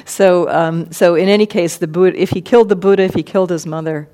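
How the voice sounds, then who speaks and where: A woman meditation teacher giving a dharma talk, thoughtful and unhurried, pausing and restarting as she explains. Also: on the low side, steady tone, mellow. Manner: thoughtful, many fillers and restarts. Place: meditation hall.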